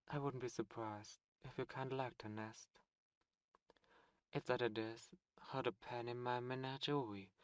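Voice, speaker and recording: In an ASMR roleplay, a man plays a seductive ancient demon prince, a fallen angel, speaking softly and slowly close to the microphone. His mid-range, natural voice coaxes and tempts, and the recording is dry.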